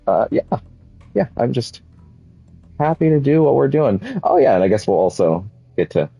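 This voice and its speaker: During a casual livestream of his gameplay, a man rambles, corrects himself, and uses many fillers, sounding a little sniffly from a cold. His low voice is a little mellow with a breathy edge, on a dry recording with poor audio.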